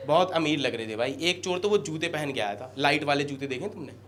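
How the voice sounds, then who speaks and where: A young man performing stand-up comedy on stage, telling a story in an animated way and acting out characters in quick asides. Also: on the high side, slight background noise. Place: comedy stage before a live audience. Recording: live stage mic with loud audience laughter.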